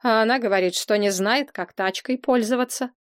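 Pompous nosy king, read by a woman; fairly high, dry. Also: normal speed, clear, resonant tone, no echo, natural voice. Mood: reporting. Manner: self-important and pompous. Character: proud, nosy storybook king, middle-aged man.

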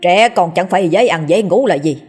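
A woman's voice: fairly low pitch, lively intonation, normal speed, a little mellow, faint music behind. A woman voicing a hot-tempered middle-aged village father who snaps curtly. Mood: snapping. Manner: gruff, snapping, curt.

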